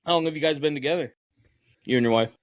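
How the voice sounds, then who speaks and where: A man hosting a casual podcast over a call, joking with profanity and laughing loudly. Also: fast, no echo, clean studio sound. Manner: profane, jokey, laughs loudly and jumps high in pitch when amused. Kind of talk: casual chat. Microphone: video call.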